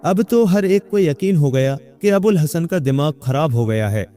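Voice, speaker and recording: Storyteller, man, slightly high voice, mellow tone, steady reading pace. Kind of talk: storybook narration. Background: faint background music.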